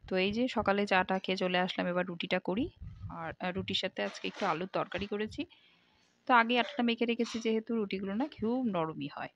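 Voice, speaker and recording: A woman's voice: medium pitch, quick pace, fairly bright tone, dull audio. A middle-aged woman, chatting casually to viewers in a home vlog while doing kitchen chores. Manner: chatty, homely, addresses viewers directly. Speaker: vlogger.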